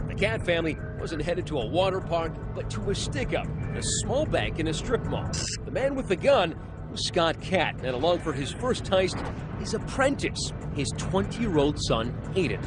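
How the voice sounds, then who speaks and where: Lively man narrating true crime over music. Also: on the high side, moderate pace. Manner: punchy, suspenseful delivery with wry asides. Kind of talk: scripted dramatic narration. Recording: music bed under narration.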